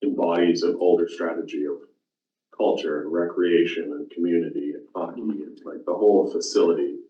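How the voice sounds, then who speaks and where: A man's voice: deep voice, steady tone, dark tone. A man chairing a public commission meeting, talking informally and correcting himself as he goes. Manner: informal, halting, self-correcting. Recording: roomy, distant, dull council room audio.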